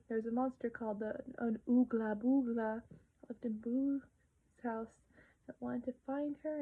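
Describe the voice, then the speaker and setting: A woman casually retelling a children's episode, with occasional whispered asides. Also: a little high. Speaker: storyteller. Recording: narrow phone-like sound.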